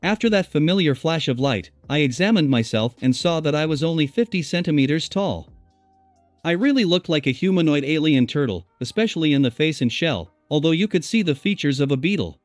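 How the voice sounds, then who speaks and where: A man reading a first-person fanfiction story as an audiobook, in a steady, even-paced manner. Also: a little high, a little fast, dry recording, faint music behind. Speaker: audiobook narrator.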